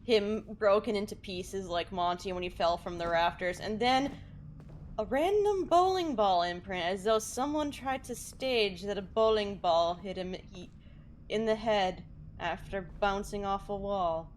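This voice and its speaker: A woman giving casual gaming commentary as a streamer, telling things in an animated way. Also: mid-range voice, a little slow. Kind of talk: casual chat and commentary over gameplay. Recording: clear background noise.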